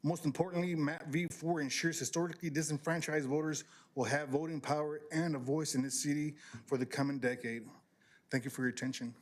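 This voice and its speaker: A man reading a prepared public comment at a city council meeting, measured and halting with fillers. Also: fairly high pitch, fairly even intonation.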